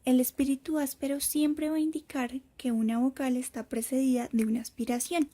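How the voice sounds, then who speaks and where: A woman teacher reading a scripted lesson, explaining each point slowly and carefully. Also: high voice, fairly even intonation, warm tone. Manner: slow, careful explanatory delivery.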